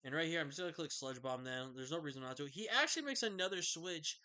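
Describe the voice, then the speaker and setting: A man's voice: a little high, expressive, quick pace, sharp tone, clear, resonant tone. A man giving casual commentary over his own online game match, sleepy and yawning late at night, talking in a loose, chatty way with fillers and self-corrections.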